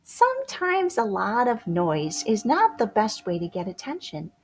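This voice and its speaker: A woman narrates an animated rhyming picture book for young children over background music, using a mid-range, breathy voice. Her delivery is slow, swooping and playful, with drawn-out words and dramatic emphasis.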